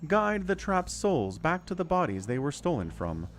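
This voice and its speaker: A man's voice: on the high side, huge pitch swings, moderate pace, slight background noise, voice pushed up. A man voicing a grave goddess from game text, reading her words aloud in a lofty, solemn way. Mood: lofty, consoling. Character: grave goddess speaking through birds, read aloud.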